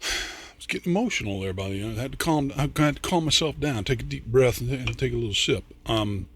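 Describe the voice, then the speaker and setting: An older man hosts a reaction video, chatting casually in a rambling, halting way with some swearing. He sounds a little tipsy and slurs, and his mid-range voice is expressive and husky.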